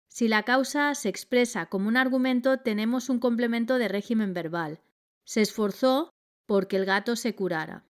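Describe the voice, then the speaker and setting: A woman reading a scripted grammar lesson in a measured, clear delivery. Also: on the high side. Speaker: grammar teacher.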